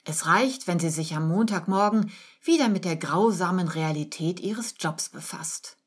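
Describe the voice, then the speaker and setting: A woman narrating an audiobook in a calm, measured storytelling manner. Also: fairly low pitch, husky.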